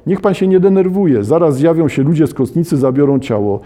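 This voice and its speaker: A clipped, matter-of-fact widowed landlord from a novel, voiced by a man reading aloud. He speaks in short, flat statements, a little higher than the reader's own voice. The tone stays very dark and mellow throughout. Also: brisk, close to an everyday voice. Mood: curt. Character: curt widowed boarding-house landlord, middle-aged man.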